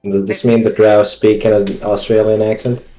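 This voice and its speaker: A man's voice: lowish voice, level tone, moderate pace, warm tone, soft background music. A man playing in a tabletop game, cracking jokes in casual banter. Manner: wisecracking, joking. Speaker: player. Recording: roomy echoey mic.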